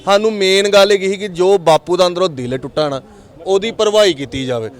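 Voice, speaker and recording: A man's voice: high voice, a little fast. A man, an activist, giving an earnest and grateful statement in a news interview.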